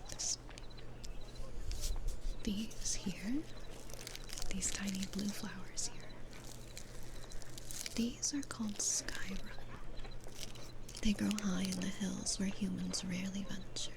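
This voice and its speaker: A woman plays a sweet, gentle demon florist in an ASMR roleplay, whispering softly and breathily with unhurried pauses in a soothing, reassuring way. Her voice is medium-pitched and level in tone, and the background is noisy.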